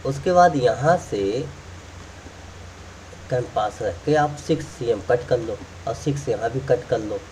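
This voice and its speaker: A man's voice: medium pitch, animated, measured pace, a little mellow, far from the mic, a little hiss or hum. A man teaching math, explaining step by step while drawing and repeating key points. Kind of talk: classroom explanation.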